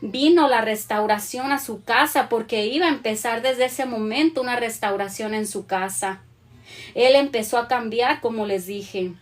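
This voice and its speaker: Woman preaching to the ladies, kinda high voice, earnest, slows down on bible verses. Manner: earnest, slows down when reading scripture. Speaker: women's ministry preacher. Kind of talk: sermon with scripture reading.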